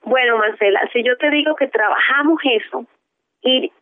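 Animated woman therapist on a phone line. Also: sits high, moderate pace, dry recording. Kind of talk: telling a case story on a phone-in interview.

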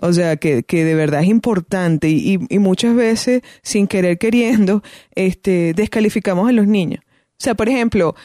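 A warm, mid-range female voice at a moderate pace offers conversational parenting advice as a guest, thinking aloud with frequent restarts and fillers. The studio sound is clean, with no echo.

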